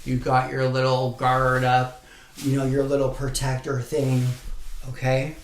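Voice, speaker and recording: Speaking unhurriedly in a monotone, mid-range voice, this man gives a laid-back pick-a-card tarot reading. He swears freely, talks bluntly, and hammers his points home through repetition, all in an echoey room with slight noise.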